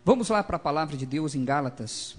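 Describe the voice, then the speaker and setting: A man preaching a lively sermon, calling for responses from the congregation and swinging between loud emphasis and quiet asides. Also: fairly high pitch, fast, husky.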